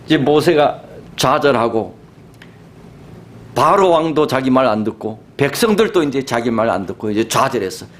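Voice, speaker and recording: A man preaching a sermon as a pastor, animated and conversational, often asking the congregation questions. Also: medium pitch, moderate pace.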